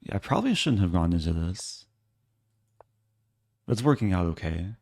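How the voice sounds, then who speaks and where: A man giving casual live commentary as a chess streamer, low-key and thinking aloud in short fragments. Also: very animated, moderate pace, a little mellow.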